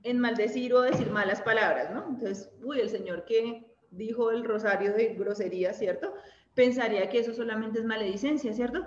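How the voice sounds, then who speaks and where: Her voice sits on the high side at a normal speed, with slight background noise, as this woman with a Colombian accent leads a women's Bible study. She chats with her listeners, frequently checking in and finishing points with tag questions, in a dull lo-fi recording from an echoey room.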